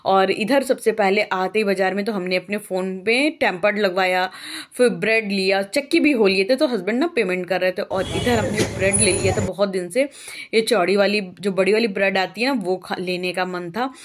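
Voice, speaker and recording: A young woman from Uttar Pradesh talks through her household chores in a rambling, homely vlog voice. She talks on easily and often stops on small filler sounds, keeping her pitch in the middle range for a woman. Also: fairly quick. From Uttar Pradesh, India. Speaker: vlogger. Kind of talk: casual chatty vlog narration.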